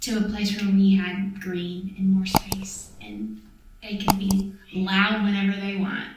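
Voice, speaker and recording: A woman's voice: mid-range voice, little pitch movement, unhurried, very noisy. A woman in casual, reflective conversation who strings her thoughts together in long, flowing sentences. She sits well back from the microphone, and her voice fills a very echoey room. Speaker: vlog co-host. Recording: echoey room, distant mic.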